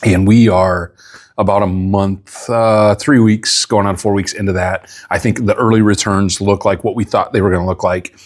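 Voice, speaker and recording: A middle-aged man giving earnest, measured explanations as a guest in a casual interview. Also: on the low side, fairly even intonation. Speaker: police chief, interview guest.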